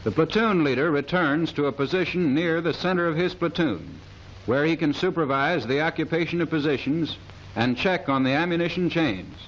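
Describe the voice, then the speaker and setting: Over a dull, hissy soundtrack from the 1930s, a man with a slightly high, animated voice reads a military instruction script. He delivers it formally and precisely at a moderate pace, like narration from a training film of that era.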